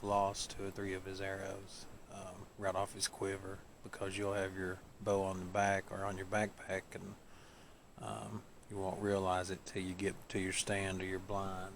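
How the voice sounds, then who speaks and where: A man with a low, monotone voice speaks at a measured pace as he hosts an outdoor vlog in the woods. He explains things casually to the camera using folksy, hesitant phrasing, and the camera audio is noisy.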